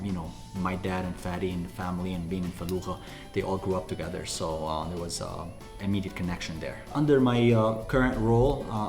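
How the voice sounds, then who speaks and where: A man from Lebanon speaks as a company president in an interview, his voice sitting low. He pauses often on "uh" as he explains things. The room gives his voice a roomy echo, and faint music plays underneath. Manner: hesitant, many "uh" fillers. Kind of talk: interview answers.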